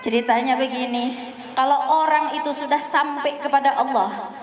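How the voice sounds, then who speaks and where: A woman's voice: high-pitched, normal speed. A woman with a Banjar Indonesian accent giving a chatty sermon to a women's gathering, often asking the audience questions and acting out prayers. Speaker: preacher at a women's study gathering. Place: prayer hall. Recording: echoey, dull live-stream recording.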